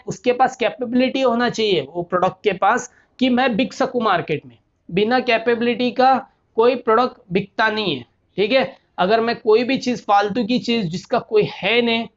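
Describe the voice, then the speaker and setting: Man lecturing, repeating key terms. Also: high voice. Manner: asks rhetorical questions and repeats key terms. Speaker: commerce lecturer. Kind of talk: classroom lecture. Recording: dull lo-fi recording.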